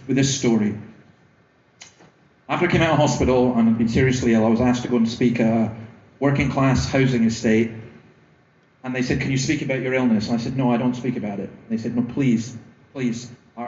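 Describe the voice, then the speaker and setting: A man's voice: mid-range voice, a little mellow. A Scottish man giving an earnest evangelistic talk, pleading with wry humour. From Scotland. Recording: echoey room, slightly dull sound.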